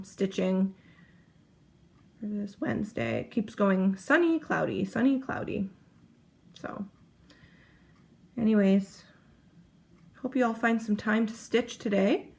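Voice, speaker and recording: Pregnant woman rambling about her stitching to camera, kinda fry-ish voice, keeps cutting herself off. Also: medium pitch, a little mellow. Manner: chatty, rambling, self-interrupting. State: heavily pregnant. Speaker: cross-stitch vlogger. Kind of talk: casual chat to camera.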